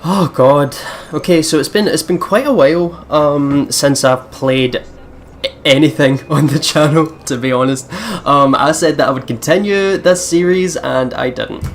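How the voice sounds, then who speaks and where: A let's play host gives casual, rambling gaming commentary full of slang and swearing, sometimes reading text aloud. He speaks at a measured pace in a slightly high voice, into a desk microphone at his computer setup at home. There's slight background noise.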